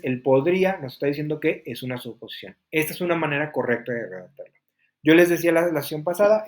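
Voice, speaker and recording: Man, teacher, fairly high voice, explains patiently, questions for the class. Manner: explanatory, asks the class questions, frequent fillers. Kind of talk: classroom lesson.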